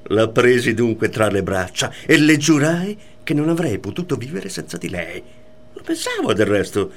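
A man's voice: medium pitch, wildly swooping pitch. A man reading a tormented husband between two women. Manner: clipped, halting, wildly swinging delivery. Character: tormented man caught between wife and mistress. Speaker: reader in a radio play reading. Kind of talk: radio play reading.

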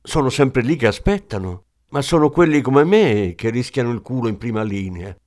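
A man's voice: mid-range voice, animated, normal speed, a little mellow, natural voice. A man voicing a hard-boiled, contemptuous police inspector in an audiobook, speaking in a scornful, cutting way.

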